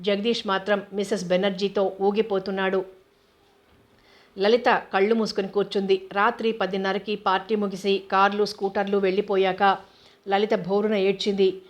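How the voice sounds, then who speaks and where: Woman reading a novel aloud, flat even delivery, muffled lo-fi sound. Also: medium pitch, moderate pace. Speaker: audiobook narrator. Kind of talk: scripted narration of a novel. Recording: dull lo-fi recording.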